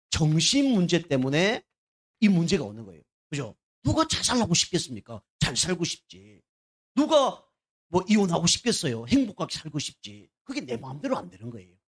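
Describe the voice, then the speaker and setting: A male pastor giving a conversational sermon to his congregation, asking them "right?" again and again and dropping from loud, emphatic bursts to quiet asides. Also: a little high. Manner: conversational preaching, constant "right?" checks with the congregation. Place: church sanctuary.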